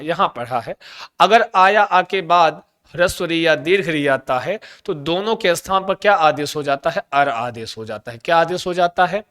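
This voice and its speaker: High, smooth-voiced male grammar teacher. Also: a bit bright. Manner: asks the class questions and answers them himself, repeats key sounds. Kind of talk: exam-prep grammar lesson.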